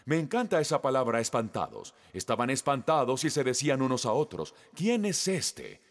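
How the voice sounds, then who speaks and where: Brief: middle-aged man, pastor preaching, very lively pitch, emphatic storyteller. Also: brisk. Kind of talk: sermon.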